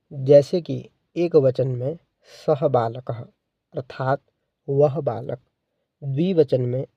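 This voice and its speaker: A man teaching a grammar lesson, reciting word forms in a measured, drawn-out way, then explaining each one. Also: mid-range voice, no echo. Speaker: Sanskrit teacher. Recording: dull, lo-fi sound.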